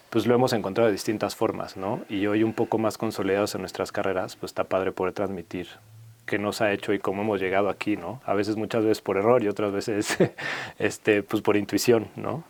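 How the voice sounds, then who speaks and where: A man's voice: on the low side, no room sound. A man hosting an interview, speaking reflectively with casual fillers. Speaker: interview host. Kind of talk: conversational interview.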